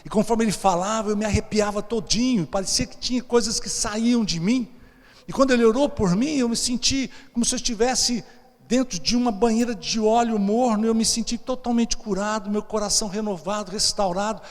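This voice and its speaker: A man's voice: high voice, brisk, big-room sound, voice pushed up, lightly acted. A Brazilian man voicing a grateful male doctor who has just converted and speaks in an earnest, fervent way, as part of a sermon story. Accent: Brazilian Portuguese.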